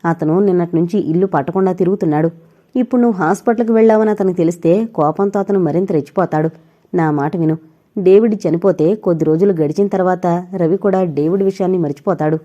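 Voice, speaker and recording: A woman voicing a practical, soothing sister-in-law who talks gently and persuasively, in a storybook reading. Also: lowish voice, quick pace, muffled recording, close to an everyday voice.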